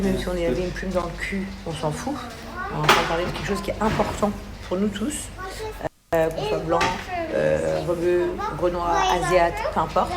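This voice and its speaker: A woman recording a rambling, indignant phone video at a doctor's office, full of hesitations. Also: on the low side. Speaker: social media personality. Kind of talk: selfie video message. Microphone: phone camera. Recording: loud background noise.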